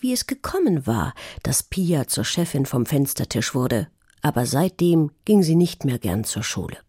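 Lady reading a kids' story, lower husky voice, super animated, dry close sound. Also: dry recording. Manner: expressive, storytelling. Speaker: narrator. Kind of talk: scripted children's story narration.

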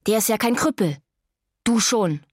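A woman's voice: on the high side, animated, moderate pace, slightly rough, no echo, clean studio sound. A woman reading an audiobook, voicing a harsh, controlling mother who scolds her daughter sharply. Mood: contemptuous.

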